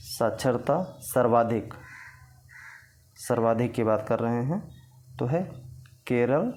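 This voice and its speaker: A man's voice: mid-range voice, darkish tone. A man teaching an exam-prep lecture, dictating facts for notes and repeating the key points. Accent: Hindi.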